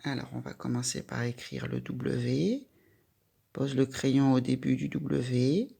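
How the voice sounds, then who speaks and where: A woman's voice: very deep voice, fairly even intonation, slow, gravelly, dark tone, slightly rough. A woman giving a patient, step-by-step handwriting lesson, speaking directly to a young child with simple instructions. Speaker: handwriting teacher.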